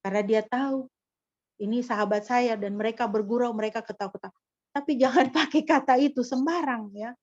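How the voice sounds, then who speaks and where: A woman's voice: on the high side, a little fast, no room sound, muffled recording. A woman pastor delivering a sermon in a teaching manner, often asking rhetorical questions of the congregation. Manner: didactic, with frequent rhetorical questions.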